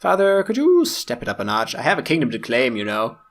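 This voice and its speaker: A man voicing a proud, impatient young prince in a haughty, brisk manner, reading game dialogue aloud. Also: mid-range voice, wildly swooping pitch, fairly bright tone.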